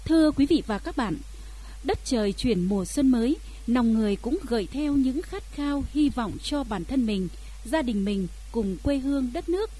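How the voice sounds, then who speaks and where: A woman's voice: on the high side, lively intonation, normal speed, mellow, poor audio. A woman with a Northern Vietnamese accent presenting local radio news in a formal, scripted style.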